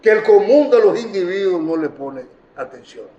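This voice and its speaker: A man with a Dominican Spanish accent giving an emotional public talk to journalists, telling stories in quick, impassioned bursts. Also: high voice, animated, warm tone. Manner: impassioned, storytelling, rapid bursts. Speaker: speaker addressing journalists. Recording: echoey room from far off, dull sound.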